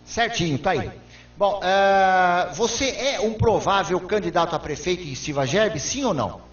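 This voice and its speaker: A man hosting a local TV interview, asking questions in an upbeat, brisk way. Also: high voice, lively intonation. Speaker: TV interviewer host. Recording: roomy, distant, dull lo-fi sound.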